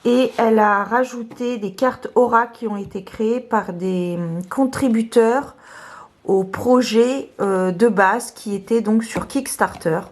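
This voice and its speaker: A woman presenting her tarot decks in a casual video, talking hesitantly with many fillers and restarts, a little hoarse. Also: fairly high pitch, unhurried, a little mellow. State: slightly hoarse, clearing her throat.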